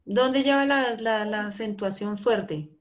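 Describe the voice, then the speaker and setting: A woman's voice: mid-range voice, slow pace, very noisy. A woman, a primary school teacher patiently coaxing answers from children in an online class over a video call.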